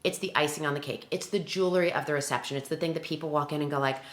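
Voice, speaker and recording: A wedding planner presents a conversational tutorial in a low, steady voice, talking fast in an echoey room. She's emphatic, often poses questions and answers them herself, and works through examples aloud.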